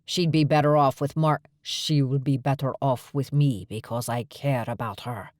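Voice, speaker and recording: A woman's voice: extremely low pitch, fairly even intonation, normal speed, a little mellow, no room sound, clean studio sound. A woman voicing a possessive, protective male vampire who speaks firmly and with heat, in an audiobook.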